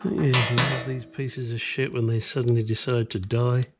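A DIY mechanic works under a car in his home garage, casually explaining each step in a medium-pitched, level voice at a moderate pace. He swears now and then and cracks crude jokes. A small action camera captures it, with a little hiss or hum.

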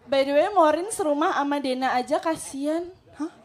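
A woman's voice: high voice, moderate pace. A young woman, an idol trainee, chatting in a laid-back, teasing way on a group stream. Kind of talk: casual group chat on a livestream.

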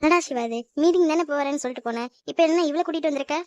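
A woman's voice: high voice, racing, a little mellow, a little hiss or hum, natural voice. Woman voicing a fussy middle-aged aunt. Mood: nagging. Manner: nagging, questioning. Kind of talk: animated cartoon dub.

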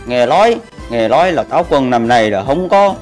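A man's voice: mid-range voice, very animated, normal speed, soft background music. Crude joking male game streamer. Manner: joking, crude banter with viewers. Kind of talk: casual live-stream chat.

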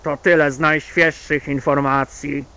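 Man playing a bright-voiced, measured newsreader. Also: on the high side, flat delivery, clean tone. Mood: grave announcing. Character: male newsreader announcing a grisly death. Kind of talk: mock news bulletin. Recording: dull lo-fi sound.

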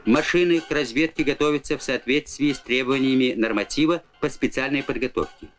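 A man with a medium-pitched voice reads formal, instructional scripted narration a little fast, in the style of a 1980s Soviet military training film. It sounds like an old film soundtrack with soft background music.

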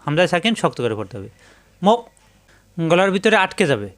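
Male Quran teacher, Bangladeshi Bengali accent, slightly high voice, patient, repeats every syllable. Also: very animated, rapid-fire, a bit bright. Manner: patient, repetitive drilling of syllables. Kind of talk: step-by-step Quran reading lesson.

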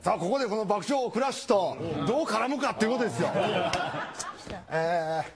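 A man's voice: high voice, fairly quick, a loud crowd. A man with a Kansai accent telling a comic story on a talk show and acting out each character. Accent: Kansai Japanese. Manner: animated, acts out every character. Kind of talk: comedic anecdote on a talk show. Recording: studio audience laughter behind.

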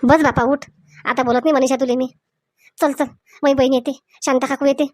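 A woman's voice: high voice, steady tone, fairly quick, darkish tone, no room sound, clean studio sound. A woman voicing a bossy middle-aged mother-in-law in a comic skit, scolding.

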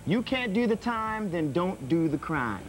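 A man's voice: high-pitched, big pitch swings, unhurried, faint music behind. A smug teasing young guy. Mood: gloating. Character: cocky teasing young man gloating over a bet. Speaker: diner worker. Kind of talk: sitcom acting.

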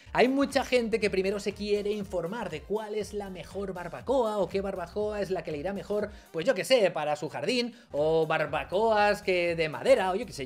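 High, lively man in his thirties; dramatic vlog explainer who swears and swings from yelling to muttering; faint music under him. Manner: theatrical, swears freely, big swings between shouting and mumbling. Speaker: online marketing youtuber.

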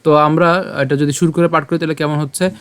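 A man teaching the Gita, breaking a Sanskrit verse into syllables and chanting it slowly with a tune. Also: a little high, flat delivery, clear, resonant tone, no room sound. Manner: slow syllable-by-syllable pronunciation drill. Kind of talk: devotional recitation lesson.

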